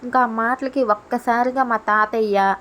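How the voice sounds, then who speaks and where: A woman narrating a story as a voiceover in a quick, colloquial way, leaning on the same filler phrases again and again. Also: fairly high pitch, steady tone, fairly bright tone. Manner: rapid, colloquial retelling with recurring filler phrases.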